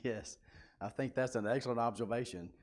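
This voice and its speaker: A man's voice: medium pitch, brisk. A man teaching a Bible class in a church building, talking informally and putting questions to the group.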